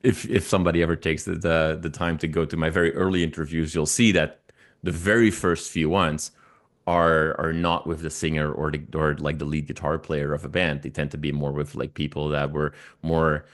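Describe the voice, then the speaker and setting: An interview guest who runs a music YouTube channel, he is a Belgian in his forties whose native language is Dutch, and his Belgian Dutch accent comes through. His pitch is extremely low and barely moves as he speaks casually, stopping and restarting to fix his words.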